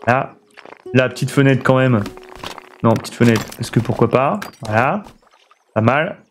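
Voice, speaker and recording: A man's voice: medium pitch, unhurried, slight background noise. A man streaming a building game, thinking aloud and chatting with his viewers in a casual way. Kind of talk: casual let's play commentary.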